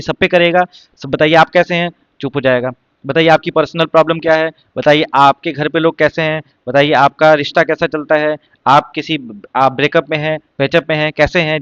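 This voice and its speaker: A male teacher explains words for exam prep, often repeating himself and asking rhetorical questions. His voice sits a little high, and the recording is dry and somewhat dull. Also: fairly bright tone, dry recording. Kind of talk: exam-prep vocabulary lesson.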